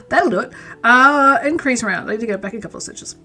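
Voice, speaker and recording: A New Zealand woman hosts a crochet livestream, her voice on the high side with a sharp edge. She chats and rambles casually, reading out and answering chat while sometimes muttering stitch counts under her breath.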